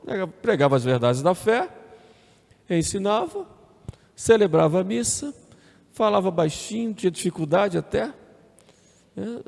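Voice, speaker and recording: A priest preaches his homily in a fairly high, gravelly voice. He talks to the congregation conversationally, with tag questions and repeated phrases. The sound rings with the long reverb of a church. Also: darkish tone. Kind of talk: sermon.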